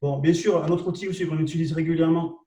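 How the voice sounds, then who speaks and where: A man's voice: fairly high pitch, steady tone, fast talker, mellow, recorded from a distance. French man presenting in a roomy echo. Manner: explanatory, checks in with "d'accord?" and "ok?". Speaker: host of a live webinar. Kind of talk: live webinar presentation.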